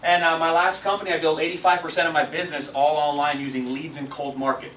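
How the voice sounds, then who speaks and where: A man's voice: on the high side, little pitch movement, fast talker, a bit bright. A man giving a loose, filler-heavy training talk to a live audience in a meeting room, often asking the room to agree. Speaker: team trainer. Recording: roomy sound from far off the mic with faint noise.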